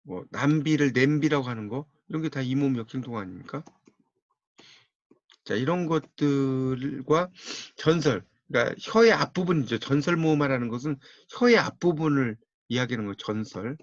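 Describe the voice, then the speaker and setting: A man's voice: medium pitch, moderate pace, no room sound. A man giving a classroom lecture, steadily talking students through a textbook page by page and telling them what to circle and underline. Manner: steady instructive pace, tells students to mark the textbook. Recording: dull, muffled dry audio.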